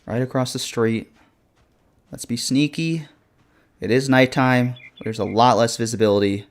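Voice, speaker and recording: Unhurried and mid-range, a man's voice narrates his live horror-game stream in slangy, casual commentary. He reacts with scared jumps and throws in asides to chat.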